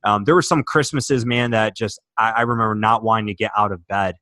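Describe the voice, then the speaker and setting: This podcast guest is a young man from Michigan recounting his own story with real emotion, stumbling through fillers and restarts. His voice sits on the low side, steady, fairly quick, pushed and bright, with no echo and studio quality.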